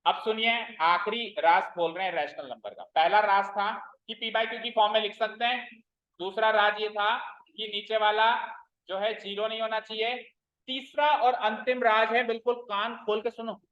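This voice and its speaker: A man's voice: high voice, fairly even intonation, moderate pace. A man teaching maths to a class, stern and repetitive, quizzing his students as he explains. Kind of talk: classroom lecture. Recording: roomy, dull lo-fi classroom recording.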